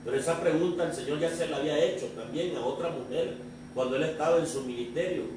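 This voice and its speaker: High-voiced male preacher in an echoey room. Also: fast, background noise. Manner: preaching with repeated rhetorical questions. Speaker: pastor. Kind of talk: sermon. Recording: echoey church room, distant mic.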